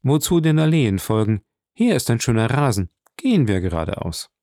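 A man's voice: mid-range voice, sing-song, moderate pace, warm tone, no echo, studio quality. A man doing Monte Cristo, imperious and ironic. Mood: scornful. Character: commanding, mocking male nobleman.

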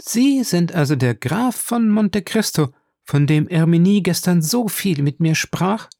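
A desperate young noble mother, voiced by a man, pleads in a high, breathless voice. The audiobook sound is dry and close, with some grit in the tone. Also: lively intonation, measured pace, darkish tone, no room sound. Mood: surprised. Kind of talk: audiobook reading.

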